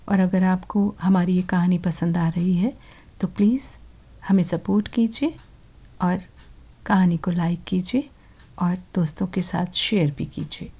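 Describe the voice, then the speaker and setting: A woman narrating a story in a steady, read-aloud way, then addressing listeners directly. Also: on the low side.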